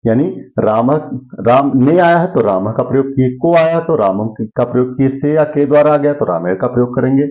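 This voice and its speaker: A man's voice: mid-range voice, moderate pace, few pauses, darkish tone, muffled recording. Man teaching Sanskrit grammar, quizzing aloud. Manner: asks questions and answers them himself. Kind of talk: classroom lesson.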